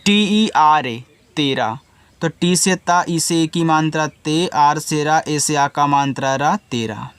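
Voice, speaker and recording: Slow, patient man spelling out words. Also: a little high, fairly bright tone, clear, resonant tone, dry recording. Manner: patient, sounds out letters one by one. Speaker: teacher. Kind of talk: step-by-step spelling lesson.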